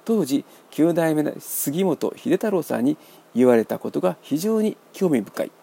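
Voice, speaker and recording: A man hosting a radio book talk, explaining in a wry, measured way. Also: on the high side, sing-song, creaky, mellow, breathy edge. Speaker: radio host.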